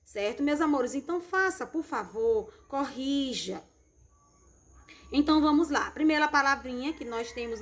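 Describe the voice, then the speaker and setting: A Brazilian woman, a primary school teacher, going through a workbook correction for her pupils with affectionate, patient repetition. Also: a little high. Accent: Brazilian Portuguese. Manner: affectionate, repeats words slowly for children. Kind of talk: recorded remote lesson correction.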